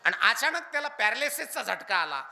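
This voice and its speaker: A man preaching a devotional kirtan sermon, animated and firing questions at his listeners, now and then chanting lines of verse. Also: extremely high pitch, fairly quick, vocal fry. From Maharashtra, India.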